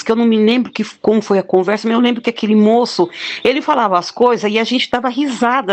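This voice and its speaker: A woman's voice: mid-range voice, a little mellow. A middle-aged woman, giving a heartfelt, plain-spoken personal testimony. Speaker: guest telling a near-death experience.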